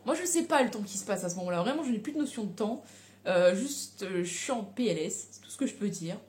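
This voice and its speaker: A young woman telling a personal story in a casual, animated way, with slang and frequent laughter. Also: mid-range voice, fast talker. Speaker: vlogger.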